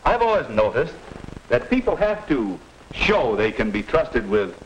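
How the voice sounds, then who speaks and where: A patient 1950s American father from an instructional film, handing out moral advice. His intonation swings widely as he teaches and gently questions, over a noisy old soundtrack. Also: medium pitch, very animated. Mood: thoughtful advice. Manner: measured, didactic, gently questioning. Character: patient, moralizing middle-aged father advising his child.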